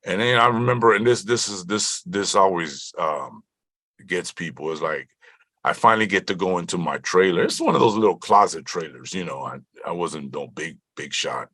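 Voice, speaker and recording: Low-voiced compton guy telling stories from his acting days, dry close sound, acts out the quotes. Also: normal speed, bright, forceful tone, dry recording. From Compton, California (born in Mexico). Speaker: actor telling his career story. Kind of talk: casual storytelling interview.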